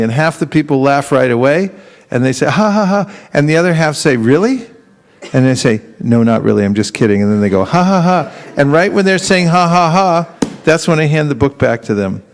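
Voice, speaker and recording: A man with a slightly higher-pitched voice is teaching a live seminar. He keeps throwing questions at the room and slips into little acted-out exchanges to show how a conversation goes. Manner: keeps quizzing the audience with questions; acts out street exchanges in quoted voices.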